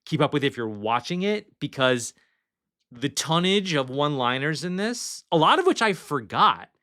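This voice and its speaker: A man's voice: on the high side, sing-song, moderate pace, pushed and bright. A man hosting a casual movie podcast, chatty and loose, reading trivia from his notes and swearing now and then. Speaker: podcast host.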